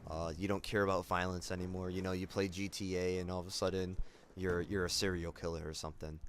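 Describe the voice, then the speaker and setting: A young man talking in a casual vlog, subdued and somber, halting with many fillers and restarts. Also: deep voice, little pitch movement, a little hiss or hum. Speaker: gaming YouTuber.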